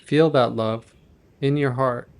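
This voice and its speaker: A man guides a meditation, his manner gentle, measured, and softly instructive. His voice is mid-range, with fairly even intonation.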